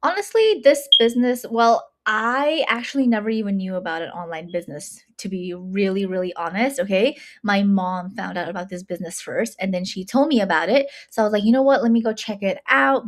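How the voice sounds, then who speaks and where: A woman's voice: mid-range voice, brisk, few pauses. A twenty-year-old woman from Nepal, a university student, chatting as an interview guest in a bubbly way with lots of likes and ums. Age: 20s. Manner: bubbly, chatty with many fillers. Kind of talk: casual interview chat.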